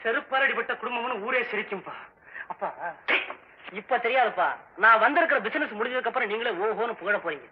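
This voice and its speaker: An actor playing a boastful, scheming young would-be film director in a 1960s film comedy, switching between shouting and hushed storytelling. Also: very high-pitched, expressive, quick pace. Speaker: aspiring film director, son. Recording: lo-fi old film soundtrack with faint hiss.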